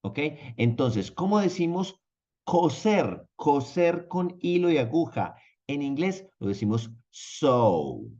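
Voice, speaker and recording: A man's voice: on the high side, dull audio. A man teaching an online language lesson, explaining patiently and checking in with his viewers. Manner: lively, drawn-out teaching delivery with repeated check-ins. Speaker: English teacher.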